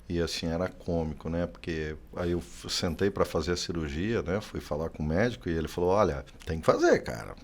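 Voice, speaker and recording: A man from Brazil, a company CEO, telling stories in a relaxed conversational way, acting out quoted dialogue and tagging his sentences with "né". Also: deep voice. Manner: lively, warm storytelling with frequent "né" and acted-out quotes. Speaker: company CEO, podcast guest. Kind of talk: conversational storytelling.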